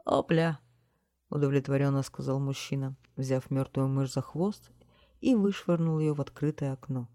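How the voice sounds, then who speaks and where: A woman narrating a children's storybook in a lively, expressive way on a close mic. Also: very deep voice, moderate pace, no room sound. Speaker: audiobook narrator.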